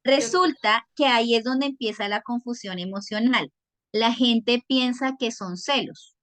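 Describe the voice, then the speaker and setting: A woman's voice: a little high, a little slow, fairly bright tone. A woman psychologist giving an online workshop, explaining patiently and asking her audience questions. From Colombia.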